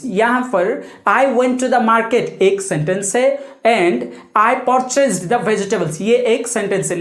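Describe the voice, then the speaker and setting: A woman teaching English grammar in a video lesson, reading English definitions slowly and explaining quickly in Hindi. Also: a little high, roomy sound.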